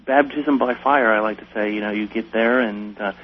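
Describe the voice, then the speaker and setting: An American man from Wisconsin, with a fairly low voice and moderate pace, chats casually as an interview guest, telling stories hesitantly and repeating phrases. The audio has a dull, lo-fi radio quality with a light hum.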